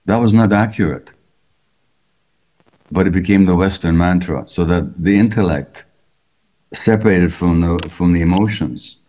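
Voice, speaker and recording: An older man with a very low, mellow voice explains his ideas slowly and deliberately, now and then posing rhetorical questions. He speaks from a room at home over a video call, and the sound is dull and lo-fi. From Hungary. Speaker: physician and author. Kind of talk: reflective interview answers over video call. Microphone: video call webcam.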